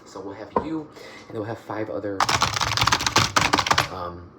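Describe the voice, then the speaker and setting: A soft-spoken man in an ASMR job interview role-play, playing the interviewer and speaking haltingly, often repeating and rephrasing his phrases. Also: on the low side, animated. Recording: noisy, with clicking and typing sounds.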